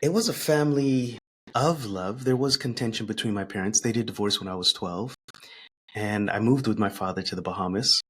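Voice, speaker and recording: A man speaking as a podcast guest, reflective and thoughtful, pausing and restarting as he talks. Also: fairly low pitch, breathy edge. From United States. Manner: thoughtful, pauses and restarts, laughs softly.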